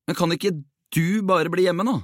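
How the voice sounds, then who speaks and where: A man's voice: high voice, a bit bright, dry recording, studio quality, voice pushed up. A man voicing a stubborn boy teammate in a storybook reading, insistent and eager. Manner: headstrong, insistent.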